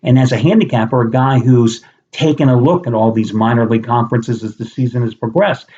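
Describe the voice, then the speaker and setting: A man's voice: mid-range voice, fairly even intonation, fairly quick, warm tone. A middle-aged man, a sports handicapper, gives a blunt, conversational betting preview with some mild swearing. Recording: slightly dull lo-fi recording.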